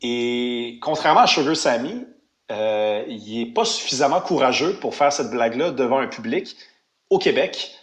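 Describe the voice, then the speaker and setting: A man's voice: medium pitch, lively intonation, normal speed, echoey room. A man with a Quebec French accent, giving emphatic opinions as a radio commentator, with many restarts and fillers.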